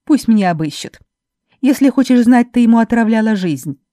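A woman voicing a spiteful young laundress who loudly taunts and mocks her rival in an audiobook. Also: expressive, normal speed, no echo, studio quality, lightly acted. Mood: jeering. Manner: loud, mocking, shrill taunting.

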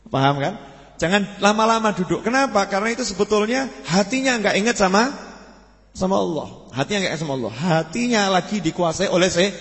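A man's voice: high-pitched, fairly bright tone, big-room sound. A man preaching a sermon to a gathering, talking casually and asking the audience questions. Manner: conversational, asks the audience questions. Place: mosque study gathering.

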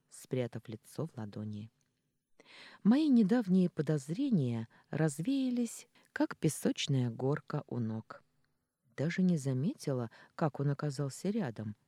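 An audiobook narrator reading a first-person novel in an expressive, dramatic manner. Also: medium pitch, dry recording, studio quality.

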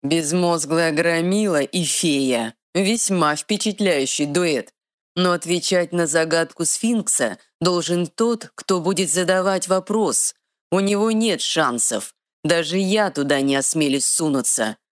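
A woman voicing an arrogant male dark sorcerer who speaks slowly with hissing menace, recorded dry. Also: on the low side, no echo, pitched above the performer's own voice, close to an everyday voice. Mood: menacing. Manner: slow, drawn-out, hissing threats.

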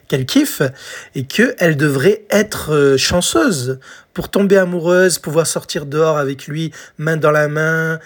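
Man in his forties from France, solo podcast host, chatty with lots of fillers, slightly husky voice. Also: on the high side. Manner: chatty, many fillers and restarts, addresses listeners warmly. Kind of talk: casual solo podcast about an old pop song.

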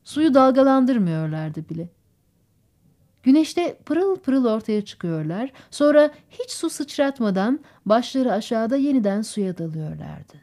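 A woman narrating a literary audiobook in a measured storytelling manner. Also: fairly high pitch, very animated, mellow. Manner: measured storytelling, voices characters.

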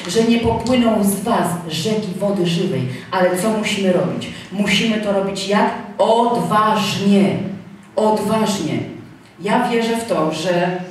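A woman's voice: medium pitch, a little mellow. Woman preaching in a very echoey hall. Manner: repeats key phrases, checks in with listeners. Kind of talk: sermon with personal anecdotes. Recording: very echoey hall, mic far off, faint noise.

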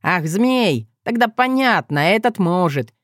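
A woman voicing a haughty, grumpy male frog shapeshifter with a creaky, squawking voice and an indignant, scornful manner. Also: medium pitch, expressive, unhurried, dry recording, studio quality, lightly acted.

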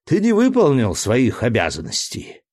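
A man reading aloud, voicing a calm ship's captain who speaks in a slow, measured and gently mocking way. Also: mid-range voice, voice pushed up. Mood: dry, measured. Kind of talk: audiobook character voice.

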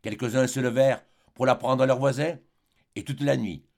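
A man giving a measured, expressive reading of a classic novel as an audiobook narrator. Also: medium pitch, creaky. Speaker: audiobook reader.

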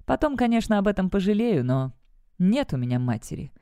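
A woman voicing a defiant, sharp-tongued young witch in an audiobook. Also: mid-range voice, very animated, fairly quick, clear, resonant tone, no echo, studio quality. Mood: bitter. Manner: bitter, defiant. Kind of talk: audiobook character voice.

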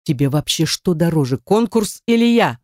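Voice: mid-range voice, lively intonation, moderate pace, darkish tone, dry recording, studio quality, natural voice. An audiobook narrator voicing a domineering, jealous man who speaks sternly and growls. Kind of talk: audiobook dialogue.

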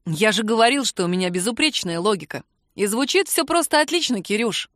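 A woman's voice: mid-range voice, animated, a little fast, a bit bright, dry recording, close to an everyday voice. A woman reading the part of an affectionate, teasing young man who drawls sleepily, in a dry close recording.

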